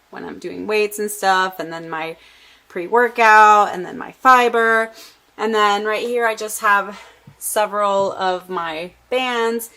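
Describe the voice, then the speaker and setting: A woman's voice: mid-range voice, a bit bright. A woman fitness vlogger chatting casually at home as she shows her workout gear. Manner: chatty, loose and friendly, with many fillers. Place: home workout corner indoors.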